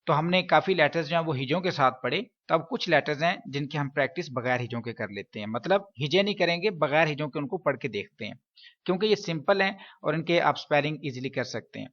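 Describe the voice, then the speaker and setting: A man teaching how to read the letters of the Quran, drawing out each sound slowly in repeated drills between quicker explanations. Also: fairly high pitch, animated, highs cut off. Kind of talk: recitation lesson.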